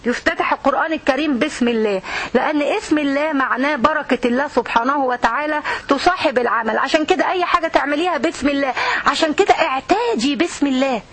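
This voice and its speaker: A woman's voice: high voice, fast talker, fairly bright tone. A woman with an Egyptian Arabic accent giving a religious lesson to women, speaking earnestly and straight to her listeners. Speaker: religious teacher.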